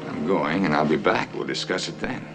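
A man's voice: very deep voice, normal speed, loud music behind the voice. An actor playing a guarded architect husband who answers his wife in a clipped, defensive way. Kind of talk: 1960s film acting. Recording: old film soundtrack, faint hiss.

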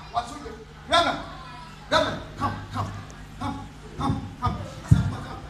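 High-voiced Ghanaian preacher in an echoing hall. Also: male voice, normal speed, noisy background. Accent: Ghanaian English. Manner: moves about the stage, swings between loud calls and low asides. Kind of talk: sermon with call and response. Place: large church hall under a metal roof. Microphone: handheld microphone. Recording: echoey hall, far from the camera, music behind.

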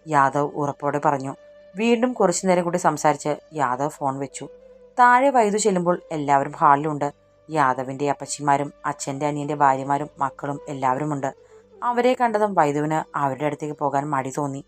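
A woman narrating a romantic story audiobook in steady scripted narration. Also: deep voice, fairly quick, faint music behind.

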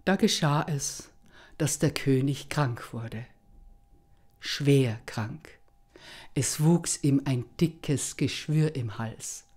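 Woman telling a fairy tale, real slow and deliberate, lots of pauses. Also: very deep voice, darkish tone, slightly rough. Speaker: storyteller. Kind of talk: oral folk-tale telling.

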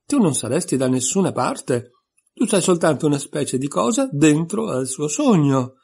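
A man's voice: fairly high pitch, very animated, normal speed, vocal fry, darkish tone, husky, pitched above the performer's own voice, full character voice. A man reading aloud and voicing a smug, contrary little twin who talks in a teasing, scornful way.

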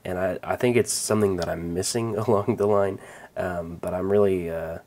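A man hosting a let's-play, calmly talking through his moves with many ums and restarts. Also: low-pitched, moderate pace. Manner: relaxed, rambling, many fillers and restarts. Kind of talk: casual gameplay commentary.

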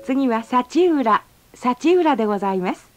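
A woman reading a polite, formal onboard train announcement, slowing down to stretch out each station name. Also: a little high, animated, music in the background. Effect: recorded onboard train announcement. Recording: slightly dull lo-fi sound.

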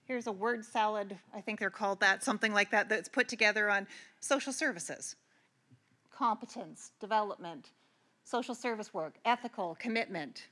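A middle-aged Canadian woman gives a keynote address to a large convention hall, her mid-range voice bright and forceful at a moderate pace. She speaks earnestly and conversationally, often restarting her sentences.

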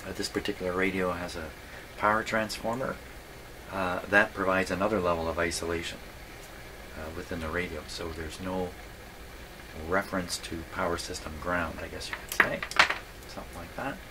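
Speaking at a normal speed in a low, level voice, a man narrates his radio repair work in an indoor electronics workshop. This hobbyist host thinks aloud in a relaxed, musing way and gently mocks himself. The audio is clear, though workshop background noise can be heard.

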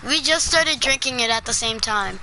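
A young gamer chatting with a teammate during a match, getting excited and yelling when in danger. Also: female voice, fairly high pitch, moderate pace. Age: child. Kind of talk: casual gaming chat. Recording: noisy game audio behind.

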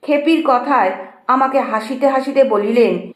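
A woman with a fairly high voice reads a devotional memoir slowly and reverently. Each line comes measured and unhurried, and the room gives her voice a roomy echo. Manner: slow, measured and reverent reading with quoted dialogue. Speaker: reader of a devotional text. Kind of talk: slow scripted reading of a memoir.

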